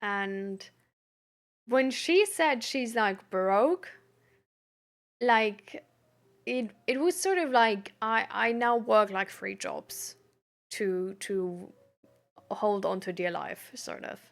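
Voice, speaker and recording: Her medium-pitched voice is gravelly as she reads and answers messages like a livestream host. She's casual, halting, and giggly, leaning heavily on "like" as filler.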